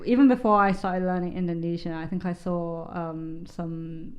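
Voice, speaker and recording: A woman's voice: lowish voice, fairly even intonation, normal speed, darkish tone, muffled recording. A woman co-hosting a podcast as a language learner, curious and full of questions, laughing easily. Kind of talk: casual chat.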